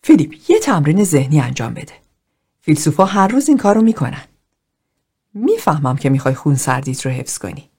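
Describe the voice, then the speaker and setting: A patient male group therapist, as a woman narrator reads him, with a soft, coaxing tone that still rises and falls in a lively way. He talks warmly and persistently in an audiobook scene. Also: sits low, breathy edge, full character voice.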